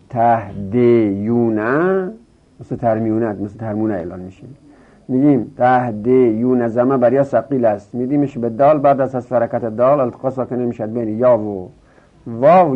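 A male teacher works through a grammar lesson patiently, step by step. His fairly low voice lifts into a chant each time he recites a row of verb forms. The recording is thin and phone-like. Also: gravelly. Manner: recites verb forms in a rising sing-song, explaining step by step. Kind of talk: Arabic grammar lesson in Persian.

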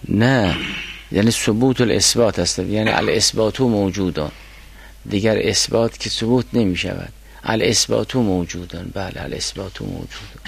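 Teaching a class on a mystical philosophy text, a man with a lowish, gravelly, slightly breathy voice reads classical quotations slowly and then explains them.

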